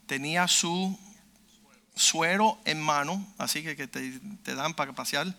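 High, bright-voiced fervent male preacher. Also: a little slow, vocal fry. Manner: fervent, emphatic storyteller who acts out quotes. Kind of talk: sermon with testimony storytelling.

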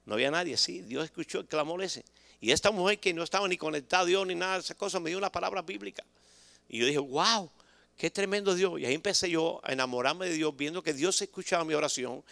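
A man delivers a church testimony at a brisk clip, his voice gravelly and sitting a bit high. He is emphatic and slips into changing voices to act out what people said to him. The sound is dry and close. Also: a bit bright, no echo. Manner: emphatic, acts out dialogue in shifting voices. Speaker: church member giving testimony. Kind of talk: spoken religious testimony.

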